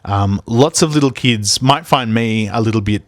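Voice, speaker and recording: A primary school teacher hosts a podcast in a lowish, big voice at a moderate pace, recorded with clean studio sound and no echo. His talk is reflective and casual, rambling along with many ums and restarts.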